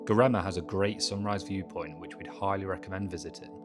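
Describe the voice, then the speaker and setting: A British man narrates a travel guide in a calm, measured, informative way. His voice sits very low. Music plays clearly behind him. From Britain.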